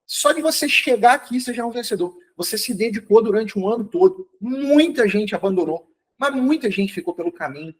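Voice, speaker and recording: A man's voice: sits high, animated, brisk, slightly rough, rough recording. A man teaching an online chemistry review live, upbeat and encouraging, checking often that students follow. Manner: calls out to students by name, checks understanding often.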